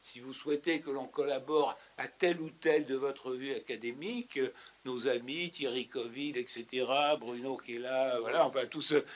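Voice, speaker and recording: A man's voice: medium pitch, a bit bright. A man hosting an academic conference, speaking off the cuff with many fillers and restarts. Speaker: conference host. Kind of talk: spontaneous conference remarks. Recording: lecture hall.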